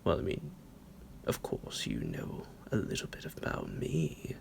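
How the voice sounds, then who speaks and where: In an ASMR roleplay addressed to the listener, a man plays a centuries-old psychotic vampire captor, possessive and mock-tender, in a breathy, gravelly whisper that sinks into a low creak. He's slow, theatrical and heavily acted, with huge pitch swings, chuckling with menacing affection in a playful, threatening mood.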